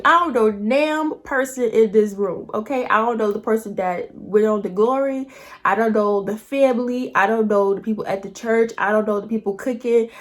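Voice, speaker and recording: High-voiced woman telling a lively story. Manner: animated, colloquial, talks straight to viewers. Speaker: storytime vlogger. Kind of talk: casual storytelling to camera.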